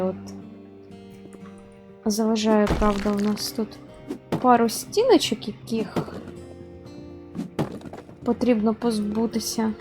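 A woman giving casual gameplay commentary, chatting straight to her viewers as she plays. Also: medium pitch. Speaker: gaming video host.

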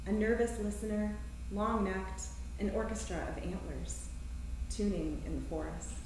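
In an indoor theater, a poet in her thirties delivers her poetry and prose at a live event, speaking in a measured, deliberate way with short introductions. Her voice is medium-pitched and a little mellow. The recording, from a distant camera mic, is very echoey and carries faint noise.

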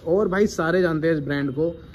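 High-pitched man giving a salesy shop tour. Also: a little fast, darkish tone. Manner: salesman-like, repeats prices and catchphrases. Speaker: vlogger presenting a clothing shop. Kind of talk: enthusiastic promotional shop-tour commentary. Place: indoors in a small clothing shop. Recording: noisy shop ambience.

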